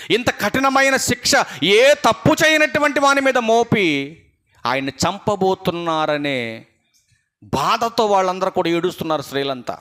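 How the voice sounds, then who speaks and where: A man's voice: fairly high pitch, fairly bright tone. A male preacher with a Telugu accent giving a sermon, keeping the congregation engaged with rhetorical questions and passionate appeals.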